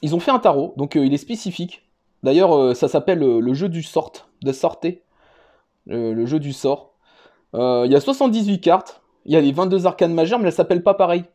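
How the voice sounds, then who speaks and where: Talking fairly quickly in a fairly high, dark-toned voice, a vlogger presents his card collection. The unscripted, casual show-and-tell is hesitant and rambling, with frequent repetition.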